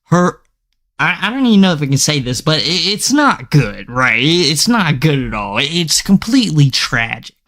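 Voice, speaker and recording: A man's voice: a little high, sing-song, moderate pace, fairly bright tone. Chatty young man doing reaction commentary. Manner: casual, stammering restarts, addresses viewers as guys. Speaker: commentary YouTuber.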